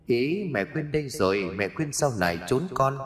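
A man voicing a vengeful, hungry ghost child girl in a horror story, speaking in a soft, hushed, pleading way. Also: mid-range voice, lively intonation, normal speed, pitched above the performer's own voice, close to an everyday voice.

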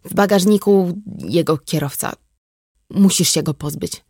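A woman reading the part of a tough, composed young woman who speaks calmly and bluntly with a dry wit, in an audiobook. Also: lowish voice, measured pace, breathy edge, no room sound. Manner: calm, blunt, wry.

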